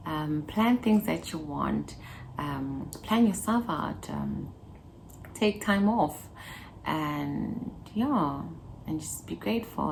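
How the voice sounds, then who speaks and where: A woman's voice: fairly low pitch, gravelly, slight background noise. A woman in her twenties chatting casually to her viewers in a vlog, playful and talkative, breaking into little laughs and snippets of song. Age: 20s. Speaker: vlogger. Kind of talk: casual chat to camera.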